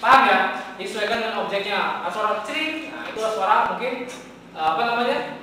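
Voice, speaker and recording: A man's voice: high voice, brisk, pushed and bright, a little hiss or hum. A man teaching a classroom lesson in a chatty way, often quizzing his students. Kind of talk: classroom lecture. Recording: echoey classroom from far off.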